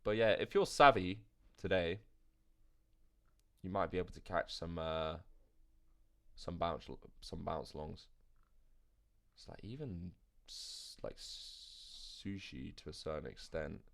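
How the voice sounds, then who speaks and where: A man's voice: low voice, slow pace, vocal fry, long pauses. A man hosting a live trading stream, rambling and thinking aloud over charts as he answers viewer chat, tired and yawning. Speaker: crypto trading livestream host. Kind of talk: casual live chart commentary.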